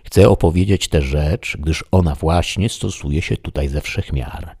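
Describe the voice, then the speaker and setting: Audiobook: man reads polite deferential barber, deep and dark, husky. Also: unhurried, dry recording, studio quality, heavily acted. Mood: courteous. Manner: courteous, deferential.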